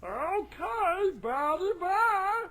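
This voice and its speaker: A man voicing an odd male cartoon creature who leaves a rambling, nonsensical answering machine message in a high warbling voice. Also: sing-song, extremely slow, background noise, exaggerated voice. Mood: loopy.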